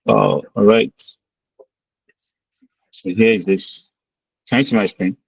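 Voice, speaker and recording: A man talking a class through his shared screen on a video call, hesitant and step by step, his husky voice heard in the screen recording. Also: on the low side, slow pace, no room sound. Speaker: student on an online class call. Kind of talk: casual screen-share talk. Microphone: video call mic. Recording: dull, dry lo-fi call audio.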